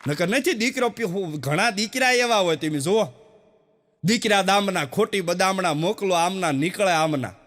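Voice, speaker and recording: A man's voice: sits high, animated, moderate pace, fairly bright tone. A man telling jokes on stage, slipping into the voices of the villagers and family members in his stories. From Gujarat, India. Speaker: stand-up comedian. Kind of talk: Gujarati stand-up joke telling. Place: stage show with a live audience. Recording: long hall reverb.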